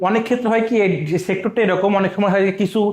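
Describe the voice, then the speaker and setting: Fast-talking man in an echoey room. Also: sits high, fairly even intonation, a crowd in the background. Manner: explains step by step, repeats key points. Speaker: company representative. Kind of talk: promotional interview.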